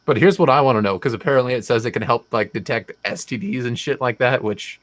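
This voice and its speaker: A man's voice: medium pitch, quick pace, dry recording. Dry-sounding man riffing wryly on a stream. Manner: wry, profane, thinking aloud. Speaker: stream host. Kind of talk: casual chat.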